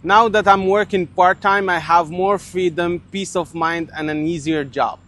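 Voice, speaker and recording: A man's voice: high voice, fairly even intonation, unhurried, a bit bright, a little hiss or hum. A man from Morocco, a truck driver, speaking plainly and sincerely in a testimonial. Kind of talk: personal testimonial.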